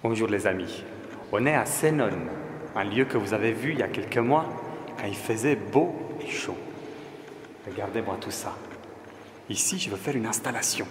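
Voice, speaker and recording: A French-accented man in his forties, an artist vlogger, chats casually to camera and calls his viewers friends. His fairly low voice is expressive at a normal speed, with long pauses. Filmed on a handheld camera at arm's length in a large empty indoor exhibition hall, the audio has long reverb and music behind it.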